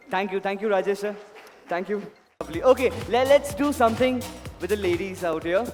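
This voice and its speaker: A male stage magician works an audience with courteous, showy patter. His voice sits high for a man. It rings through a large reverberant hall, with music underneath. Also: normal speed, a little mellow. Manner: showman, polite, addresses volunteers with repeated pleas. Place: indoor event hall, on stage. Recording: echoey hall PA, music behind.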